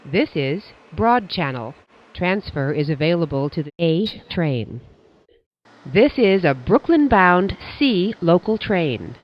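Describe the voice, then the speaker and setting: Scripted, formal transit announcements come from a subway announcer using short stock phrases. The delivery is slow but lively in pitch, and the recording sounds somewhat dull and lo-fi.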